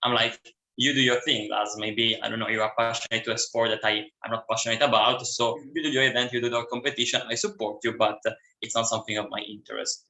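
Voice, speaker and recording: A man's voice: medium pitch, flat delivery, quick pace, bright, forceful tone, reverberant, rough recording. A young man in his twenties from Italy with an Italian accent, a university student talking casually as an interview guest, hesitant with many fillers and restarts.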